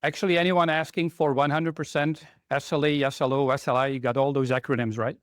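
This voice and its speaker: Here a middle-aged man from Belgium, working as a technical trainer, chats with a live conference audience and keeps asking them questions. He has a mid-range voice with a level tone and a slightly quick pace, in clean studio sound with no echo.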